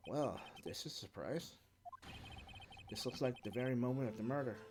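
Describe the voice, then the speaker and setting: A man's voice: mid-range voice, animated, moderate pace, background noise, lightly acted. A man doing a blustering old judge. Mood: flustered. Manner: blustering, demands order. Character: flustered older male judge. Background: game music.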